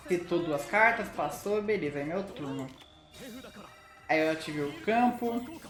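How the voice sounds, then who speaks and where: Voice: medium pitch, animated, unhurried. A Brazilian Portuguese speaker giving casual card game commentary in an informal manner, often checking in with short tag questions. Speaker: gaming channel host. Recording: roomy echo with faint music. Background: music.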